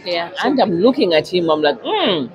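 A woman with a non-native English accent vlogging a casual chat at a restaurant, telling a story in a lively, chatty way. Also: fairly low pitch, brisk. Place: busy restaurant. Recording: noisy restaurant crowd. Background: restaurant crowd chatter.

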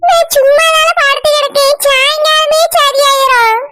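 A woman doing a scheming village mother faking illness, muttering in a piercing high voice. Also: steady tone, measured pace, heavily acted. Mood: scheming, fretful. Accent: Tirunelveli Tamil. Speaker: cartoon character. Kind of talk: cartoon inner monologue. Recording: loud background noise.

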